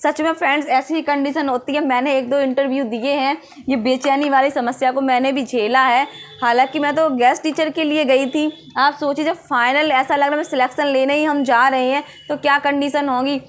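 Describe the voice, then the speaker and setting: A woman's voice: sits high, steady tone, normal speed. A young woman vlogger giving earnest, coaching advice on interview preparation in a casual way. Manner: earnest, coaching, often asks "है ना?".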